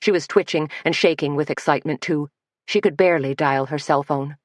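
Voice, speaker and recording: Woman reading a cozy mystery, low voice, steady pace, very dry close sound. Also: a little fast, dry recording. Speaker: audiobook narrator. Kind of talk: scripted narration.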